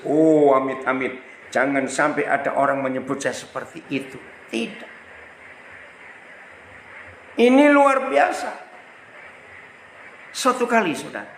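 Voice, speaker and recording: Older Indonesian evangelist, animated and gravelly. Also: male voice, high voice, reverberant, slight background noise, low-quality recording. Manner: animated, acts out both sides of conversations. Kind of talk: sermon storytelling.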